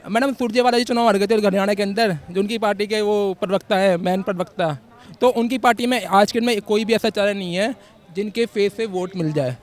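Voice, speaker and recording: A man's voice: high-pitched, a little fast. A man on a city street giving an argumentative political opinion to a reporter, conceding points before pressing his own. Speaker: passerby interviewed on the street. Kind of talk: street vox-pop opinion.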